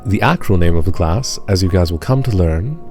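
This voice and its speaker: Deadpan man running a tabletop game. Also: low-pitched, faint music behind. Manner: deadpan, drawn-out emphasis on odd details. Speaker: game master.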